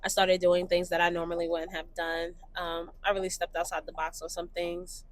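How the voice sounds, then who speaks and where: A woman's voice: lowish voice, normal speed, dry recording. A young woman from Brooklyn, co-hosting a casual chat and telling family stories with lots of laughter and acted-out quotes. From Brooklyn, New York. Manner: animated, laughing storyteller acting out quotes. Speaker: podcast co-host.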